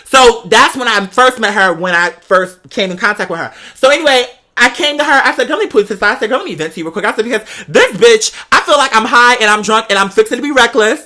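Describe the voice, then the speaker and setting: Sassy and dramatic, this female host recounts something from her own life in animated slang, throwing around "girl" and swearing freely. Her voice runs somewhat high, and she speaks quickly with barely a pause.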